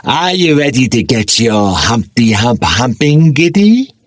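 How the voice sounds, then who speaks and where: A man's voice: mid-range voice, sing-song, unhurried, no room sound, studio quality, voice pushed up. A male narrator voicing a flirty, teasing woman who is a huge spectral werecat, speaking lines from an audiobook. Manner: teasing, flirty, mock-scolding. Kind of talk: audiobook character voice.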